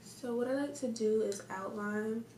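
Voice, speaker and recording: Monotone higher-voiced woman, distant and echoey. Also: normal speed. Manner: monotone, subdued early-morning delivery. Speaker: beauty YouTuber. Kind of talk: casual makeup tutorial chat. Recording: roomy, distant mic, clear background noise.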